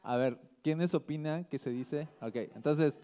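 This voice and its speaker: A man's voice: a little high, measured pace, mellow. A male pastor giving a casual, conversational sermon. He reads scripture aloud and keeps checking in with the listeners.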